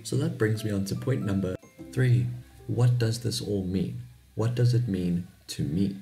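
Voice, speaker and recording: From a small home bedroom, a South African YouTube host in his twenties explains languages to camera in a chatty, informal way. His lowish voice is unhurried and warm, with faint music behind him.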